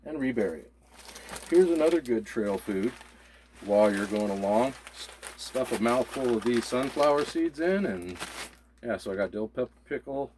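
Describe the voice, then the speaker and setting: A man's voice: mid-range voice, animated, moderate pace, a little mellow, a little hiss or hum. A man co-hosting a casual prepping video, explaining supplies in an easygoing, step-by-step way. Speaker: co-host of a prepping channel. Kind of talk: casual demonstration chat.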